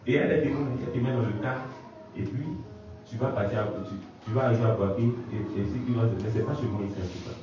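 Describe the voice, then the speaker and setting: A man preaching a testimony sermon, telling his story with halting restarts. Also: medium pitch, over music. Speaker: pastor. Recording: echoey hall, distant muffled mic.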